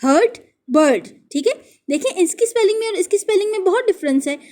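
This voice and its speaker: A woman teaching English spelling, who slowly repeats each word and spells it out letter by letter. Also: very high-pitched, lively intonation, dark tone. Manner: reads English verse lines slowly and deliberately. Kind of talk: classroom lesson explaining English spelling in Hindi.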